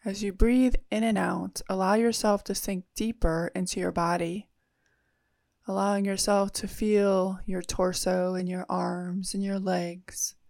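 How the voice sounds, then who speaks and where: A woman leading a guided meditation in a soothing, unhurried manner with long pauses. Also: medium pitch, level tone, vocal fry, a little mellow, no echo, clean studio sound.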